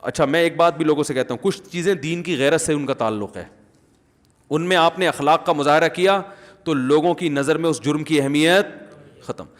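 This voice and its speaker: A man giving a humorous, animated sermon, often asking the audience questions. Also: fairly high pitch. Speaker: Islamic preacher. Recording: long hall reverb.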